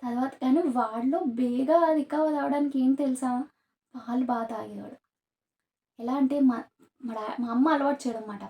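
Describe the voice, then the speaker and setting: A woman's voice: high voice, fairly even intonation, normal speed, gravelly, dark tone, reverberant. A young woman vlogger casually telling the story of her first baby's birth in a chatty way, quoting relatives as she goes. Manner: chatty, mixes English words into Telugu, quotes relatives. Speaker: vlogger, new mother.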